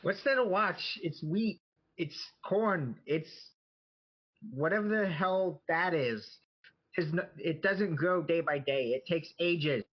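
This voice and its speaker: A man's voice: on the high side, slow. A man playing a tabletop game in character, grumbling and sarcastic. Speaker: player. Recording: dull lo-fi audio.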